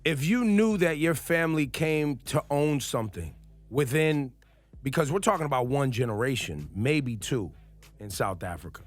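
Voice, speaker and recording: A radio talk-show co-host with a medium-pitched voice and lively intonation speaks at normal speed over soft background music. He makes earnest points and argues by posing questions that challenge the others.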